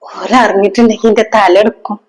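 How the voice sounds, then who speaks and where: Short-film daughter, a woman acting her: young adult, worn down, quiet and resigned. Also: mid-range voice, steady tone, fairly quick, close to an everyday voice, rough recording. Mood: weary, resigned. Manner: subdued, resigned speech.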